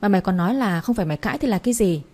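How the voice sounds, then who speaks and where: A woman's voice: mid-range voice, animated, racing, mellow, lightly acted. Woman reading as a harsh scolding mother-in-law.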